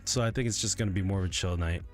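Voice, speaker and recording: A man's voice: low-pitched, racing, soft background music. A sleepy man chatting casually with viewers from his home gaming setup, rambling with lots of fillers. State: sleepy, yawning. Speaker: livestreamer.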